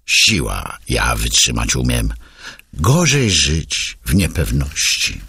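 An audiobook reader voicing a gentle, earnest young noblewoman in a softened, raised voice. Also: extremely low pitch, wildly swooping pitch, takes it slowly, gravelly, slightly rough, no room sound, clean studio sound, exaggerated voice.

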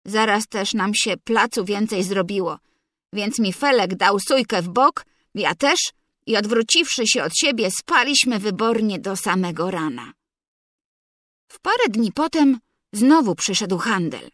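A woman reading a story aloud as narrator, in an unhurried, measured storytelling manner. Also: medium pitch, animated, fairly bright tone, dry recording, studio quality. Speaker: audiobook reader. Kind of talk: literary narration.

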